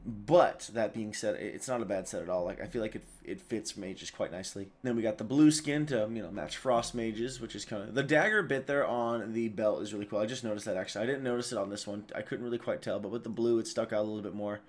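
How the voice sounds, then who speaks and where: A man's voice: fairly low pitch, quick pace, few pauses. A tired man hosting a video, giving casual, rambling commentary full of fillers and restarts. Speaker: video host.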